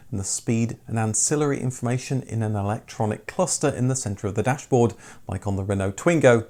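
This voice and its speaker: A man's voice: medium pitch, dark tone. A man presenting a scripted documentary as its narrator.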